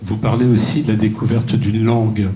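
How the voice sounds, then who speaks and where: A man's voice: fairly low pitch, level tone, moderate pace, mellow. A man moderating a live onstage interview, who asks questions and reads quotes aloud. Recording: echoey room, faint background hiss.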